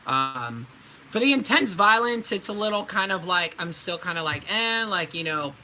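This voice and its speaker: A man's voice: high-pitched, expressive, normal speed, pushed and bright, a little hiss or hum, rough recording. A man who is a voice actor, answering viewer questions on his livestream in a casual, rambling way with frequent ums and likes.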